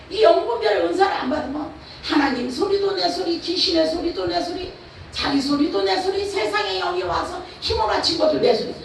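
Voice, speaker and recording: A woman pastor with a Chungcheong Korean accent preaches a revival sermon, her high voice rough with gravel. She presses her points with rhetorical questions. The sound is heavily echoey and distant, as if picked up from across a church hall. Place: church or prayer house hall. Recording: echoey hall, far from the mic, faint noise.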